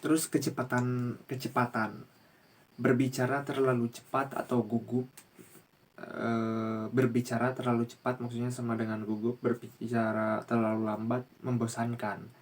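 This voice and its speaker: A man's voice: mid-range voice, level tone, moderate pace. A young man, a university student, gives a recorded class presentation indoors to a camera, explaining casually with frequent fillers and restarts. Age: young adult.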